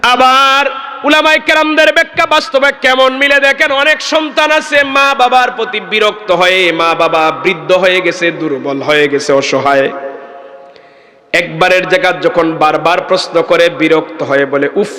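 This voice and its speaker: A man's voice: sits high, moderate pace, sharp tone, big-room sound. A man preaching a sermon with fervor, chanting verses and calling out to the crowd. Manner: fervent, chanting Quranic verses, calls out to the crowd.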